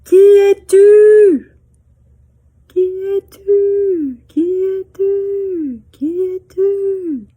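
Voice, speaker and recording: A woman voicing an excited little girl who calls out loudly in long, stretched-out shouts. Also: very high voice, drawn-out words, voice pushed up, full character voice. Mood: amazed calling.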